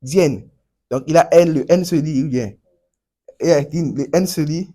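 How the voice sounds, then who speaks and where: A man's voice: a little high, a little slow, mellow. A man coaching a class on Chinese pronunciation, drilling students and repeating words energetically.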